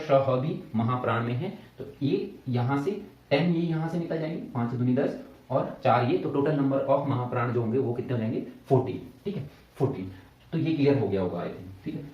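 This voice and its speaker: A man's voice: medium pitch, dark tone. Man teaching, step-by-step explanations, echoey room, sounds distant from the mic. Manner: explains step by step, repeating "ठीक है" and asking questions back. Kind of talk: exam-prep grammar lesson.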